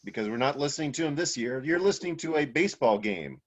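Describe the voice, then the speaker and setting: A man hosting a game show over a video call, reading questions in a quick, playful way. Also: fairly high pitch, animated. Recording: dull lo-fi video call audio.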